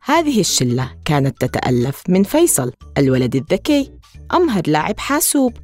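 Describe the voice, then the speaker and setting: Woman storybook narrator, low, animated, expressive. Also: a little fast, soft background music.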